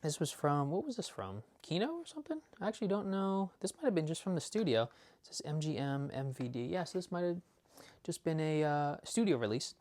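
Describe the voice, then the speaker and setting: A man's voice: fairly high pitch, animated, a little mellow, slight background noise. Rambling enthusiastic male movie collector. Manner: rambling, many fillers and restarts, enthusiastic; talks fast at times. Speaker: movie collector showing his discs. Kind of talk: casual unboxing chat.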